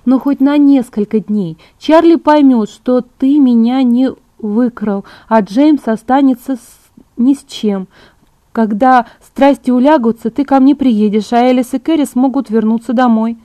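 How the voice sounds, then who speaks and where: A woman's voice: high-pitched, unhurried, warm tone, dry recording, pitched above the performer's own voice. A woman reading an audiobook, voicing a stubborn, anxious teenage girl who pleads in a raised, urgent voice. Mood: persuading.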